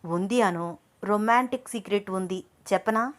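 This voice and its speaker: A woman's voice: medium pitch, moderate pace, natural voice. A charming young husband, romantic and teasing, coaxing his shy wife in a storybook romance, as a female narrator reads him. The delivery stays close to her own medium voice.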